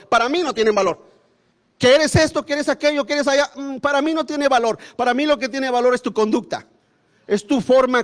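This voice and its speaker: A man delivering a fiery sermon as pastor, his voice sitting very high. He presses his points by repeating phrases and addresses listeners as brother.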